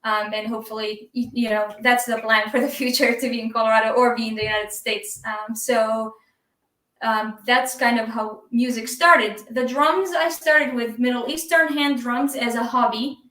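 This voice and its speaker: A woman's voice: fairly high pitch, steady tone, moderate pace, sharp tone. A woman from Iraq with an Iraqi Arabic accent, a guest drummer talking easily in a live stream interview, with many ums and frequent laughs. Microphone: video call. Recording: echoey room, distant from the mic.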